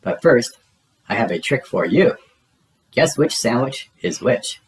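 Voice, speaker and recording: A man reading a storybook, voicing a gruff, contrary, teasing grouch monster who lives in a trash can. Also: medium pitch, very animated, unhurried, rough recording. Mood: sly, teasing.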